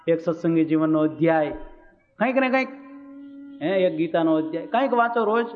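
A man giving a devotional sermon, chanting Sanskrit verses and then explaining them in plain, joking talk. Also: on the high side. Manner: humorous, teasing asides. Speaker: religious preacher. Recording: tinny phone-like audio.

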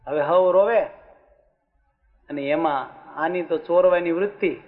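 Casting: a lively male religious storyteller, high voice, muffled recording. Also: unhurried. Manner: lively, asks the audience "understood?". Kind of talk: folksy sermon storytelling. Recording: muffled with faint music.

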